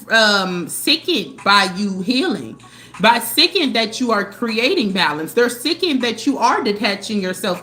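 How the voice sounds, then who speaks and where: A woman streaming a live tarot reading, talking fast and repeating herself, often checking in with "okay?". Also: fairly high pitch, fairly bright tone. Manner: fast, repetitive, tags lines with "okay?". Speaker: tarot reader.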